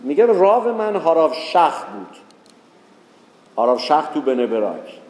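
In an echoey hall with long reverb, a man gives a sermon built around a story, voicing its characters with rising pitch. He's a religious teacher whose darkish voice swings widely in pitch.

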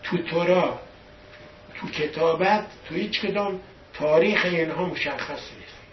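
A man's voice: on the high side, noisy background. Preaching man in an echoey room. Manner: emphatic, pushes key words louder. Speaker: religious teacher. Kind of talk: storytelling sermon. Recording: echoey room from a distant dull mic.

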